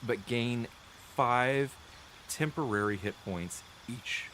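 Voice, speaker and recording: A gameplay streamer with a medium-pitched, sharp-toned voice talks slowly while explaining game spells as he plays. He rambles, restarts and corrects himself while thinking aloud, coughing often from a dry throat. He's close to a desk mic, with a faint hiss or hum in the background.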